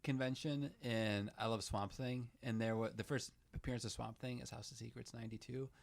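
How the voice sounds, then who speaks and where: A man's voice: medium pitch, fairly even intonation, a little fast, creaky. Easygoing man telling a story. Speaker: podcast co-host. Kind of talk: casual chat.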